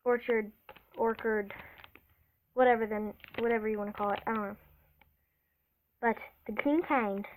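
Chatty, higher-voiced woman taste-testing. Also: a little fast, pauses often, a little hiss or hum, rough recording. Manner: chatty and eager, reacting aloud as she tastes. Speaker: vlogger. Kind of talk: casual taste-test commentary.

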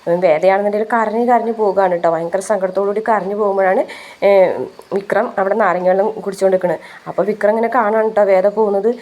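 A woman recaps a TV serial episode in a quick, chatty stream. She leans on frequent filler sounds and tag words. Her voice is mellow and dark-toned at a middle pitch. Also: steady tone. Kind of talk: casual retelling of a serial episode.

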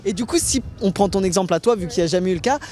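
A man's voice: high voice, racing, a little mellow. A young man interviewing people on a city street with a handheld mic, teasing and laughing as he presses with follow-up questions. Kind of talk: street vox pop, casual. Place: busy city street outdoors.

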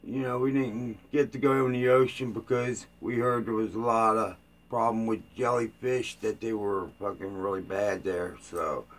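A man's voice: on the low side, steady tone, moderate pace. An older man chatting casually to camera as a vlogger, rambling loosely with plenty of fillers and restarts, and sounding tired. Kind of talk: casual rambling vlog chat.

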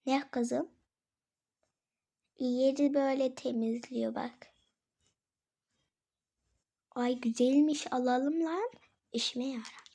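A flustered, scatterbrained mother, as a woman puts her on in toy play, exclaiming and scolding in a high, gravelly voice. She drags her words out slowly and keeps poking fun at herself. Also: darkish tone, heavily acted. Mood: exasperated. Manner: exclamatory, scolding, self-mocking.

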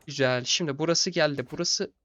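A young man narrates his strategy game in a tired, laid-back way, since he is recording late at night. He chats to the in-game characters as if they were his buddies. His voice sits a bit higher than most men's. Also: brisk, highs cut off. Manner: relaxed and low-key, talks to game characters as buddies. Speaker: gaming channel host. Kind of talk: casual strategy game commentary.

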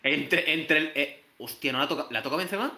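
A man making wry, swearing asides about a football match over loud background noise. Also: fairly high pitch, expressive, brisk. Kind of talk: casual football banter.

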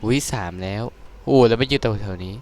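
Excitable young man yelping through a game. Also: lowish voice, quick pace, slight background noise. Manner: excitable, crude swearing, frequent yelps. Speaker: gaming streamer. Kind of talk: casual game commentary.

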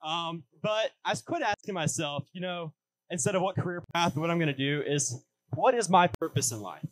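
Male, late teens, slightly high voice. Earnest student preacher reading in short phrases, dry recording. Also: moderate pace, no room sound, low-quality recording. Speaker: student speaker at a church youth service. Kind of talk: youth sermon read from notes at a lectern. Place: church hall stage, indoors.

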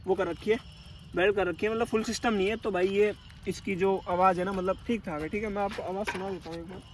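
A man's voice: high voice, fairly even intonation, fast. A young man giving a casual, chatty walkthrough of a motorbike for his vlog, talking to viewers and his cameraman outdoors at dusk. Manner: chatty, addresses viewers as bhai, directs cameraman. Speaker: bike vlogger. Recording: faint outdoor street noise.

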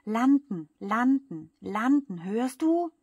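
A woman voicing a cheeky young boy in a bedtime story, with a breathy voice. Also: medium pitch, expressive, unhurried, no echo, dull audio. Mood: panicked. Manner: mocking, shouting.

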